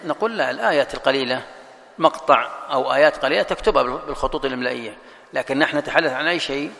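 Man teaching a class, gravelly and kinda bright, lots of hall reverb. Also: mid-range voice. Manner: explanatory, asks and answers his own questions. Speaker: sheikh teaching a religious text. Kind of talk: classroom lecture explaining a text.

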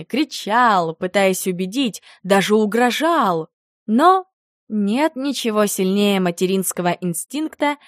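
Young female narrator for a first-person romance, lively and expressive, dry studio sound. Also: medium pitch, dry recording. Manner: lively, expressive storytelling, light and teasing in dialogue. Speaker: audiobook narrator.

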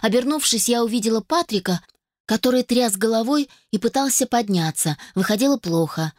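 A woman reading a first-person novel aloud as an audiobook narrator, in an even, steady manner. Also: on the high side, brisk, no echo, studio quality.

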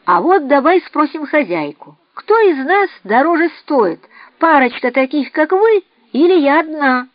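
Loud bossy cook woman yelling, a woman reading her, dry dull recording. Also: high voice, sing-song, measured pace, no room sound, voice pushed up. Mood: scolding. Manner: scolding and shouting. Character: quarrelsome grumbling woman cook, loud and scolding.

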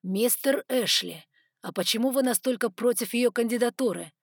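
A sharp-tongued male dragon, read by a woman argues loudly in a storybook audiobook. The voice sits mid-pitch, dry and close. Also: moderate pace, dry recording. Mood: indignant.

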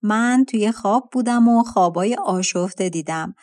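A woman voicing a clever young girl in a fairy-tale audiobook, soft and pleading as she calms a monster. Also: mid-range voice, lightly acted.

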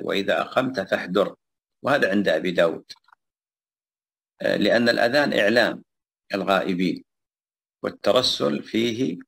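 A man giving a religious lesson, explaining a text step by step, repeating phrases and pausing with fillers as he goes. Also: on the low side, creaky, fairly bright tone, husky. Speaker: religious teacher. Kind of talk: classroom lecture explaining a text.

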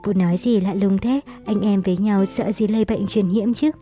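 A woman's voice: medium pitch, steady tone, normal speed, mellow, faint music behind, lightly acted. A woman voicing a scheming young man who fakes concern, read in an audiobook novel. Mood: mock concern.

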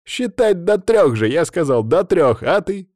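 A man voicing a bold young male student trading quick retorts in a storybook reading. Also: fairly high pitch, very animated, darkish tone, no room sound, clean studio sound, pitched above the performer's own voice. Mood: retorting.

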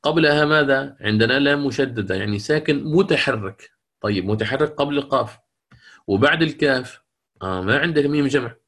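A middle-aged man teaching the rules of Quran recitation, explaining patiently, reciting words slowly and checking that students follow. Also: mid-range voice, a bit bright. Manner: closes with a long supplication. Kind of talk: lecture on Quranic reading rules.

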